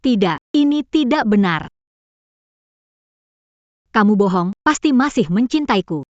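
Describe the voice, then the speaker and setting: A woman's voice: mid-range voice, very animated, measured pace, dry recording, muffled recording. A woman playing an obsessive jilted young woman in a dubbed melodrama, overwrought, pleading and defiant. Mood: desperate pleading.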